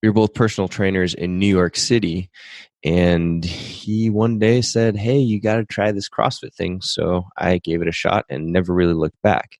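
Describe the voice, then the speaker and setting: Low-voiced upbeat podcast host. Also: male voice, steady tone, moderate pace, a little mellow, no room sound. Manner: upbeat, friendly, with "man" fillers. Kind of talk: podcast interview.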